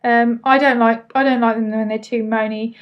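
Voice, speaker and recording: A business trainer with an Essex accent and a fairly high voice hosts a live online Q&A, chatting informally and answering questions casually as they arrive. Her words are a little loosely pronounced, her tone level and her pace moderate, with the high frequencies cut off.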